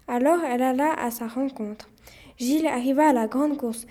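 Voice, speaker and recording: A woman narrating a read-aloud story with steady, plain reading. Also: sits high, normal speed.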